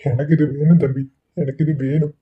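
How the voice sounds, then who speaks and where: A man plays an ailing village father in a cartoon, begging forgiveness in a slightly high, husky voice. The sound is thin and tinny, like a phone line. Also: steady tone, fast talker. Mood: remorseful. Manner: tearful, pleading apologies. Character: ailing remorseful village father, middle-aged. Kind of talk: Tamil cartoon voice acting.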